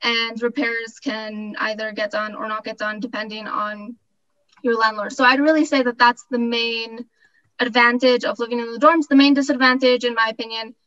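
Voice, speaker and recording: Her voice is fairly high and steady, moving at a normal speed with a fairly bright quality, though the audio loses its highs. She's a Costa Rican graduate student in her twenties sharing an informal, enthusiastic testimonial during an online information session.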